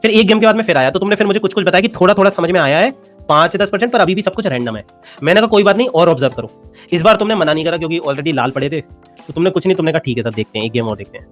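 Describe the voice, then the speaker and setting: Young Indian male teacher, quick and teasing, lecturing physics over faint music. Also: sits high, lively intonation. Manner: playful, teasing, mixes in English phrases. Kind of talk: animated classroom lecture.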